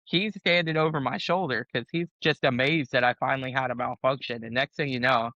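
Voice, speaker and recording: A man with a bright, forceful voice tells a rowdy army story with profanity and laughter. The sound is dry and a little dull. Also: mid-range voice, steady tone, brisk, no echo. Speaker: podcast guest, Army veteran. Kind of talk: casual storytelling.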